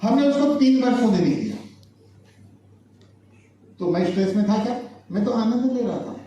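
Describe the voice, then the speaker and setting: A man's voice: very high voice, very animated, moderate pace, warm tone, lo-fi sound. Man telling jokey stories in an echoey hall. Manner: chuckles through his anecdotes. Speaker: motivational speaker at a business launch event. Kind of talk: humorous motivational storytelling. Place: large event hall. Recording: echoey hall from far off, faint noise.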